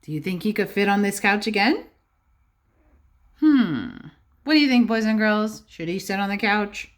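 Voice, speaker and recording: A woman of medium pitch reads a picture book aloud to young children as their teacher. She sounds expressive and instructive and frequently pauses to question them.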